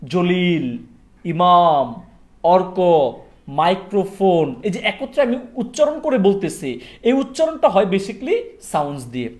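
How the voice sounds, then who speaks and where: A man with a Bengali accent teaches English sounds to a class of children. His pitch swings widely as he coaxes, drills and praises the pupils. He sounds brisk and encouraging. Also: very animated.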